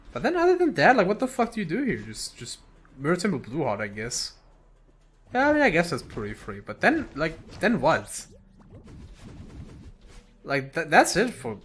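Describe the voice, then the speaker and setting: A man's voice: mid-range voice, a bit bright. A young man giving casual commentary on a speedrun match, swearing often, laughing and talking to viewers. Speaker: tournament commentator. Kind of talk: casual solo esports commentary.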